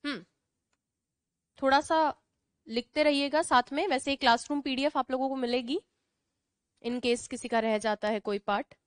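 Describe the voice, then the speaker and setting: A woman's voice: high-pitched, steady tone, moderate pace, long pauses, clean tone, no room sound. A woman with an Indian accent teaching an online English grammar class, explaining in Hindi mixed with English, repeating points and asking the class questions.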